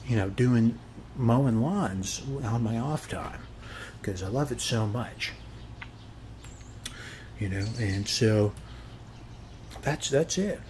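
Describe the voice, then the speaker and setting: An ASMR performer plays a friendly, chatty suburban neighbor in a casual roleplay, rambling in a folksy, reassuring way and repeatedly tagging phrases with "okay?" and other short check-ins. His mid-range, darkish voice is animated but slow, with frequent pauses and slight background noise.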